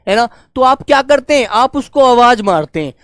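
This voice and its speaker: A man's voice: very high voice, lively intonation, normal speed, no room sound. A man teaching an online class who keeps addressing his pupils as dear children and checks in with "okay" again and again. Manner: acts out loud calls to demonstrate.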